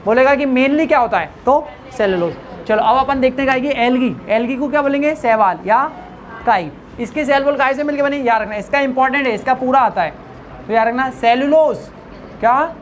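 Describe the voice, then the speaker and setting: High-voiced woman teacher drilling a class. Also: brisk, a little hiss or hum. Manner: repeats questions to the class, call-and-response drilling; informal, teasing with students. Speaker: biology teacher. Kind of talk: classroom lecture. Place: classroom with students.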